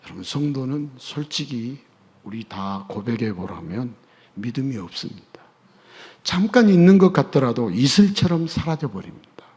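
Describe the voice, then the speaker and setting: A man preaching a sermon as pastor, dropping to hushed whispers and rising to loud, urgent cries. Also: mid-range voice, big pitch swings, moderate pace, breathy edge. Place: church sanctuary. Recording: church hall reverb.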